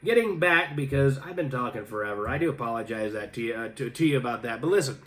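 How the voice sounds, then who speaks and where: A man's voice: mid-range voice, lively intonation, quick pace, a bit bright. Young male host, casual and rambling, self-deprecating, lots of fillers. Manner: chatty, self-deprecating, full of fillers and restarts. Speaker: host reading viewer comments.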